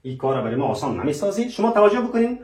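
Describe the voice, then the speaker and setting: Male French teacher, higher voice, quizzes and answers himself, echoey room with the mic set back. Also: very animated, darkish tone, far from the mic. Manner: asks rhetorical questions and answers them himself; slowly spells out French example phrases. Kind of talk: French lesson.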